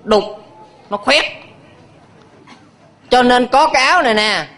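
A man's voice: very high-pitched, a little slow, bright, forceful tone. A man, a Buddhist monk, preaching to a hall of followers in a playful way, laughing often and quizzing the audience. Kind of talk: sermon.

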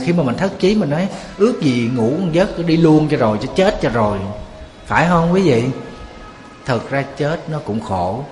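Monk preaching in an echoey hall. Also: male voice, on the high side, darkish tone, slight background noise. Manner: conversational, asks the audience rhetorical questions. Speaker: Buddhist monk. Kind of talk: Buddhist sermon. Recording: echoey hall with long reverb, faint ambience.

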